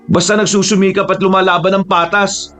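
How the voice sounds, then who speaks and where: A man voicing a gentle, patient young male worker who speaks softly and mildly. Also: high-pitched, flat delivery, fairly quick, soft background music, pitched above the performer's own voice. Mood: earnest. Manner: soft-spoken, mild.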